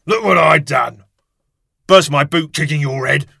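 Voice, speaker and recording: A man's voice: fairly high pitch, unhurried, gravelly, pushed and bright, breathy edge, dry recording, voice pushed up, exaggerated voice. A man voicing a brutal, crude father who bellows in triumph, in a dry close recording. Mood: gloating.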